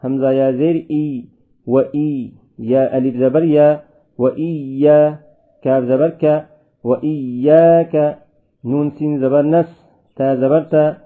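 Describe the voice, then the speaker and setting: A man leads a reading lesson at a very slow, deliberate pace, his voice sitting somewhat high. He sounds out each syllable, then chants the joined words. The recording is thin and tinny, like a phone line. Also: steady tone. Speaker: Quran reading teacher. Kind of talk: spelling and reciting a reading lesson.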